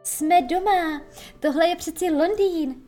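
A woman's voice: on the high side, fairly even intonation, faint music behind, lightly acted. Wendy, a woman doing an earnest sensible girl. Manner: earnest, firm. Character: sensible, motherly older sister girl.

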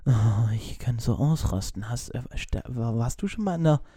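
A man's voice: medium pitch, expressive, normal speed, dark tone, husky, dry recording, clean studio sound. A man co-hosting a casual podcast, reading out news and chatting, with frequent stumbles and restarts. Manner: chatty, jumps between topics, stumbles and restarts. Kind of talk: casual chat.

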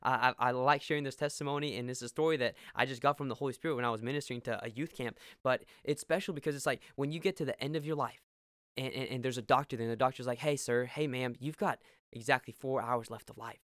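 Fast-talking earnest young man from Peru. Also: medium pitch, fairly even intonation, a bit bright, no echo, studio quality. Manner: earnest, enthusiastic, repeats words when stuck. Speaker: podcast guest. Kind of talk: faith testimony in conversation.

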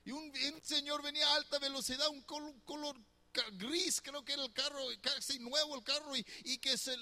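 Pastor mimicking a high, breathless wife spilling every detail, very bright and sharp. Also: male voice, steady tone, heavily acted. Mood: breathless gossip. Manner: rushed, gushing, piling on details. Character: excited chatty wife telling every detail.

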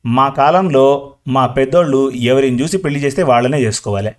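Man playing talkative old village granny, slow and rambling, storybook. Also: mid-range voice, close to an everyday voice. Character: chatty old village grandmother, talkative and proud. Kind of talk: storybook reading.

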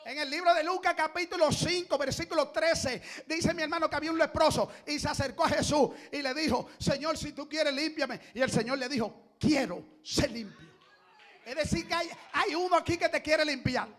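A male pastor preaching a fiery sermon, shouting fervently and repeating phrases in rising chants. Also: very high voice, normal speed. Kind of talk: fiery Pentecostal-style sermon.

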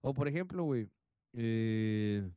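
A man in his thirties with a Mexican accent co-hosts a podcast, telling stories in casual, slangy chat full of swearing and laughter. His lowish voice is animated yet slow, with a mellow, clean tone and studio-quality sound free of room noise.

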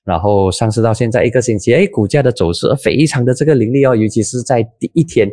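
A man's voice: mid-range voice, fast, mellow, no echo. A man hosting a casual news talk show in Malaysian-accented Mandarin, chatting with a guest and using many filler particles.

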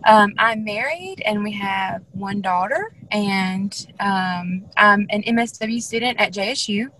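A woman in her late twenties speaking in a soft-spoken, somewhat hesitant way as a panel guest. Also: medium pitch, measured pace, slight background noise, rough recording. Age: late 20s. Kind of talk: casual discussion.

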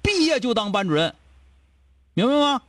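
A man with a Northeastern Mandarin accent lectures a caller bluntly, firing off one rhetorical question after another. His voice sits very high for a man and leaps around a lot. The sound is dry and close, with no room echo. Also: big pitch swings. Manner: blunt, scolding, rapid-fire rhetorical questions. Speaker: advice show host. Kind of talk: call-in advice chat.

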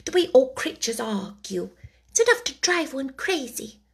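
A woman's voice: sits high, big pitch swings, moderate pace, creaky, heavily acted. Woman voicing a fretful, polite young girl. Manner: earnest, rising to alarm.

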